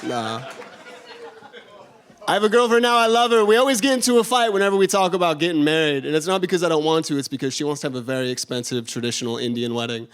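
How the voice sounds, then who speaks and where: A young man from working a stand-up set on a theater stage. His voice sits high for a man, and his delivery is laid-back. He tags punchlines with a casual "you know?". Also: fast, clean tone, some chatter behind. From Chicago. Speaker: stand-up comedian.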